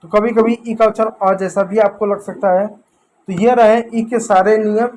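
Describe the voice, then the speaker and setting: A man's voice: sits high, fairly even intonation, normal speed, a little mellow, poor audio. A man explaining English pronunciation in a lesson, repeating each rule and listing example words one at a time. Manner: repetitive, drills examples one by one.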